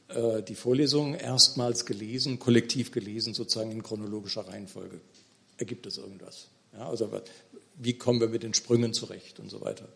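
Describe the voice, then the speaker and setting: A middle-aged man with a gravelly edge to his voice speaks thoughtfully about his book. He hesitates often, restarting sentences and filling pauses with ums. He is speaking to an audience in a lecture hall. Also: mid-range voice, fairly bright tone. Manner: hesitant, many fillers and restarts. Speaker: author at a book talk. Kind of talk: thoughtful academic talk.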